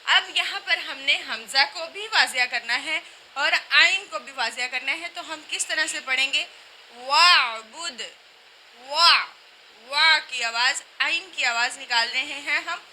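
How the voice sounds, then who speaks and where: Woman teaching recitation, high bright voice, repeats each sound slow to show it, faint noise behind. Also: low-quality recording. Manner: repeats letters and words slowly to demonstrate, then explains briskly. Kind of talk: tajweed lesson, explaining and demonstrating sounds.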